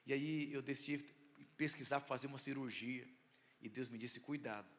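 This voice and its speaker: A Brazilian man delivers a sermon as a pastor, his articulation a little tongue-tied. He speaks at a middling pitch, with dramatic pauses and emphatic swells. The sound carries a long reverb, as in a big hall. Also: fairly even intonation, a bit bright. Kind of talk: sermon, preaching with personal testimony.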